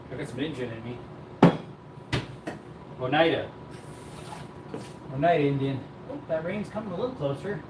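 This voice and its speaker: A man with a voice on the high side chats casually with viewers while cooking at home, with noise in the background. He hosts the cooking livestream, rambling in an easygoing way.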